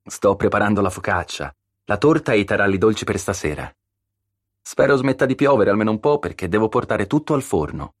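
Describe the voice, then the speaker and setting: A man with a low voice voicing a cheerful, bustling pregnant woman in her thirties, brisk and teasing in an audiobook. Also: animated, dry recording, clean studio sound. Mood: bossy cheerful. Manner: brisk, bossy, warmly teasing.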